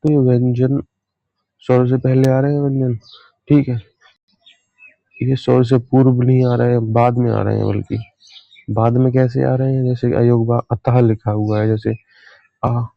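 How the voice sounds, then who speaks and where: A man teaches an exam-prep grammar lesson in a steady, level voice with little rise and fall. He keeps checking in and repeats his main points as questions. The sound is dry and a little dull, with hardly any room echo. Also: medium pitch, normal speed, gravelly, pauses often. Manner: repeats key points as questions, often says "ठीक है".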